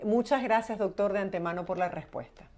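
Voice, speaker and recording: A woman hosting a live segment, reading viewers' questions aloud in a steady, measured way. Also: medium pitch. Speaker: host.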